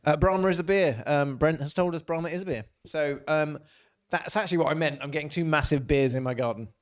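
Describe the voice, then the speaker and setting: A man's voice: fairly high pitch, a little fast. A man hosting a casual online family quiz, joking, laughing and repeating each question. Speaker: quiz host.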